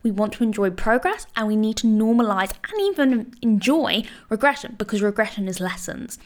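A woman's voice: on the high side, fairly quick. Chatty, reassuring woman dog trainer. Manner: chatty, full of "you know" and "like" fillers; reassuring, encouraging. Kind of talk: casual advice monologue.

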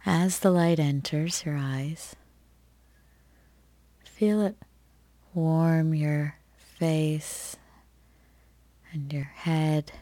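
A woman leading a guided meditation as its guide, speaking softly and soothingly with long pauses between phrases. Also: deep voice, steady tone, no room sound. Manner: soft, gentle, soothing delivery with long pauses.

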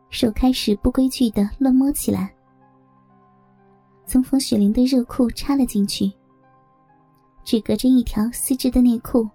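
A woman narrating an adult audio story in a steady, unhurried reading voice. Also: on the high side, no room sound, low-quality recording.

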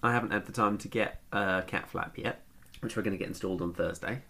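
A British man with a slightly low, creaky voice talks at a quick clip. He co-hosts a casual podcast, trading banter and wry, teasing anecdotes. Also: fairly bright tone. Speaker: podcast co-host.

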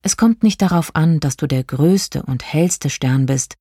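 A woman voicing a curious, kind young fairy princess in a children's story, in a lively, slightly raised voice. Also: deep voice, a little slow, slightly rough, no echo, clean studio sound, full character voice. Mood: gentle. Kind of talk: audiobook character voice.

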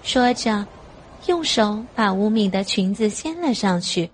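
A woman narrating an audio novel in a slow, even storytelling manner. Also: medium pitch, slight background noise.

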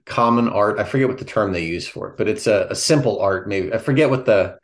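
A man co-hosting a philosophy podcast, talking casually and haltingly, often restarting his sentences as he thinks aloud. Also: on the low side. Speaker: podcast co-host.

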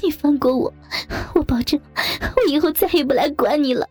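A woman voicing a desperate middle-aged mother in an audio story, crying out in a high, tearful voice. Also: fairly quick, darkish tone, faint music behind, natural voice. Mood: pleading.

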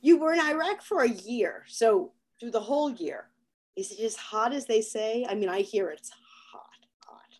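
A woman hosting a casual interview, chatty and quick to laugh along with her guest. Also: on the high side, animated, darkish tone. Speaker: interview host.

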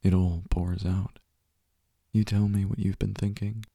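A man narrates an intimate second-person roleplay in a low, husky murmur that often slips into a whisper. His delivery is slow and tender, with a dark, gravelly grain. The sound is close and dry, with no room around it. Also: flat delivery, dry recording. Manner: soft, hushed and often whispering; tender and reassuring. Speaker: audio roleplay performer.

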